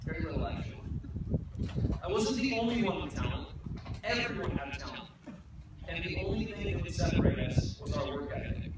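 An animated young man with a high voice gives a graduation speech at an outdoor podium, talking fairly quickly but leaving long pauses. He is earnest and pokes fun at himself. The sound is distant, echoey PA from a podium mic filmed far away, with noise throughout.

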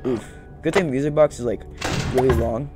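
With game music playing, a young gaming host talks casually at a moderate pace in a mid-range voice, muttering and repeating himself. He's in a room indoors by a plain wall.

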